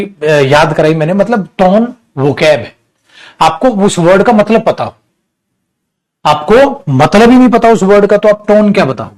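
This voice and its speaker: A man's voice: on the high side, darkish tone. A man teaching an exam-prep lesson, casual and teacherly, mixing English terms into his explanations and calling his students beta.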